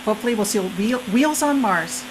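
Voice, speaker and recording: A woman's voice: on the high side, animated, brisk, noisy background. A woman giving informal live commentary, chatty and thinking aloud as she goes.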